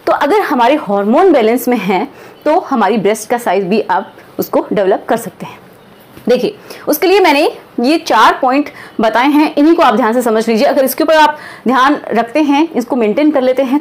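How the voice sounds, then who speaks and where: Woman, fairly high voice, casual promotional explainer, friendly check-ins. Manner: chatty, keeps checking in with listeners. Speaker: product presenter and health adviser.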